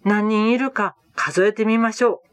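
A woman voicing an anxious young male disciple in a storybook reading, talking eagerly and a little hurried. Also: mid-range voice, fairly even intonation, dry recording, close to an everyday voice.

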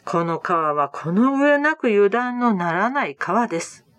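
A woman voicing an anxious young male disciple in a storybook reading, talking eagerly and a little hurried. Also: medium pitch, big pitch swings, fairly bright tone, no echo.

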